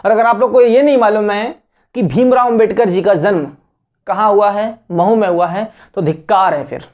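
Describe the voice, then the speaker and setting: A man's voice: high voice, fairly even intonation, normal speed, a little mellow. A man gives an online exam-prep lecture. He keeps asking rhetorical questions, answers them himself, repeats key words and scolds his students bluntly. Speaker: exam coaching teacher.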